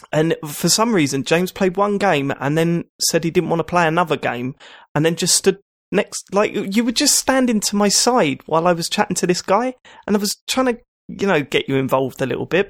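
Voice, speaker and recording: Man, fairly high voice, gravelly, teasing, swears, podcast host, dry close sound. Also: expressive, moderate pace, no room sound. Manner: teasing, swears casually, laughs often. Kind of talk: casual chat.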